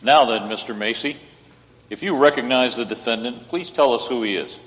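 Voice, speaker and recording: A man's voice: medium pitch, normal speed, fairly bright tone, natural voice. A man acting an idealistic, earnest lawyer in an old-time radio play, speaking persuasively. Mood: formal. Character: idealistic, earnest male lawyer with stubborn faith. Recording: reverberant hall, stage radio play.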